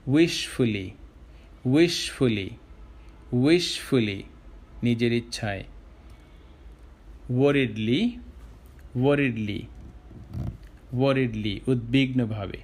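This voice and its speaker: A male teacher drilling English words in a steady, middle-pitched voice. He speaks very slowly and deliberately. He repeats every word several times before he explains it. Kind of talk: slow vocabulary drill lesson.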